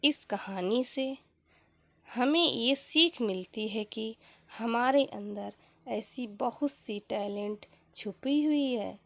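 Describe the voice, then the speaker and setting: A woman narrating a scripted motivational story as a storyteller, in measured, deliberate short phrases. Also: fairly high pitch, gravelly, fairly bright tone, dry recording.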